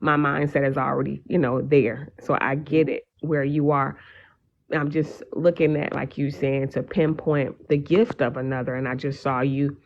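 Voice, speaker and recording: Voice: medium pitch, level tone, moderate pace, dull audio. A guest on a live stream speaking earnestly in casual conversation, meandering through long sentences with many fillers.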